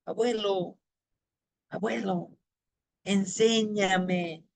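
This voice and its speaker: A man's voice: sits high, fairly even intonation, drawn-out words, vocal fry, exaggerated voice. A man voicing an eager young man who keeps pleading with his elder to teach him. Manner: pleading, insistent questions.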